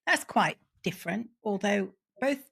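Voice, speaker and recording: A woman's voice: medium pitch, animated, a little slow, gravelly, fairly bright tone, slightly rough. A woman hosting a podcast interview, chatty and enthusiastic, with a self-deprecating humour. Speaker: podcast host.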